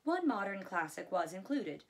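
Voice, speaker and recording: A woman reads a biography aloud at an easy pace, now and then adding casual asides of her own. Her voice sits at a medium pitch. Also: moderate pace, vocal fry. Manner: relaxed, with chatty asides. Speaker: audiobook reader.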